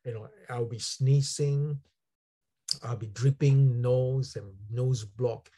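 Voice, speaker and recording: Husky older man preaching a sermon. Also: takes it slowly. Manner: emphatic, repeats words, lively pitch jumps. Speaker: pastor.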